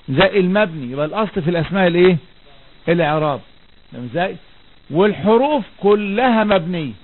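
A high-pitched man with an Egyptian accent teaches grammar to his class. He keeps asking rhetorical questions and answering them himself. The recording is thin and tinny like a phone line, with a faint hiss behind his voice. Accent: Egyptian Arabic. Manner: asks questions and answers them himself, repeats key words. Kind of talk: classroom lesson.

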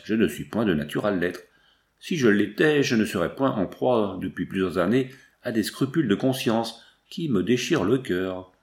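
A man reads the lines of a proud, grieving medieval prince in an audiobook, with a declamatory, pleading delivery. His mid-range voice has a darkish tone and is lightly acted.

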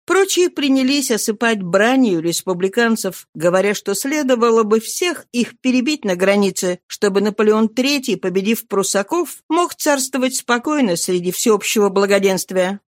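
A woman narrating an audiobook of a classic novel in a steady, measured voice. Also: medium pitch, no room sound, studio quality. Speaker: audiobook reader.

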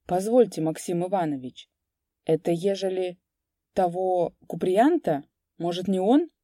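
A woman's voice: lowish voice, expressive, a little slow, warm tone, dry recording, clean studio sound. A woman reading as a flustered, mumbling constable. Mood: nervous. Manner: mumbling, stammering. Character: flustered rural police constable, man.

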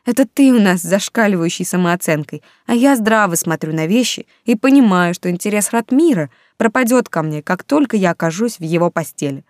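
A woman's voice: mid-range voice, lively intonation, fairly quick, hardly any pauses, a little mellow, no room sound, clean studio sound, lightly acted. A woman voicing a guarded wry young mother. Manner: wry, reserved. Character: guarded, sober-minded young single mother.

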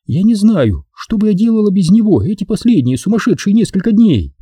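A man's voice: high voice, very animated, fairly quick, dark tone, husky, no echo, clean studio sound, voice pushed up, exaggerated voice. A man voicing a glamorous, imperious female film star who talks sweetly but gives orders. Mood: coaxing sweet. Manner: sweetly cooing, commanding.

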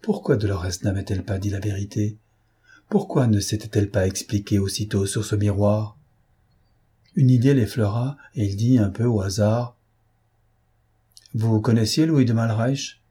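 A man narrating a classic novel as an audiobook in a measured, literary manner. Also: lowish voice, fairly even intonation, mellow, breathy edge.

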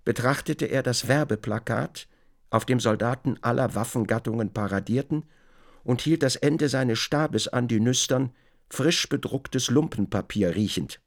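A man with a mid-range voice narrates a literary radio drama in a measured, deliberate storytelling manner.

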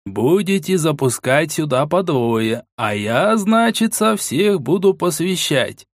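A man's voice: a little high, animated, takes it slowly, a little mellow, no room sound, studio quality. A man reading an audiobook and voicing a grumpy, fussy old man who talks politely. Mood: grumbling. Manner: grumbling, fussy.

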